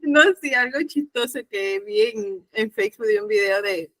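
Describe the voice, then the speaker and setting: A woman's voice: mid-range voice, normal speed, a bit bright, no room sound, low-quality recording. A woman teacher joining the discussion to tell a funny story in a casual way.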